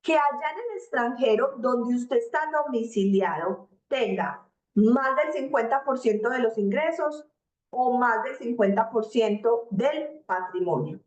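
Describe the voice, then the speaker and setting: A woman lectures on taxes in a reverberant room. Her voice sits a little high for a woman. She keeps things conversational, checks in with "¿cierto?" and slips into the voices of example taxpayers. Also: lively intonation, unhurried, darkish tone, muffled recording. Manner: acts out example taxpayers in quoted asides. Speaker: tax lecturer. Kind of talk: explanatory tax seminar talk. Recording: echoey room.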